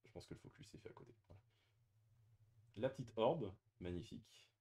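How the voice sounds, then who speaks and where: A man's voice: lowish voice, animated, a little fast, warm tone. A man chatting casually as he opens trading card boosters on camera, hesitant with many fillers and restarts. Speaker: card-opening YouTuber. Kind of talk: casual unboxing commentary.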